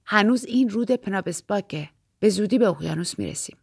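A woman voicing a quiet, wry young man who runs a boat, speaking low and calm. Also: creaky, husky, no echo, studio quality. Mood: instructing. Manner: calm, laconic, low-voiced.

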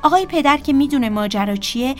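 Woman storyteller, high voice, lively, children's story, faint music behind. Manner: lively, addresses children directly.

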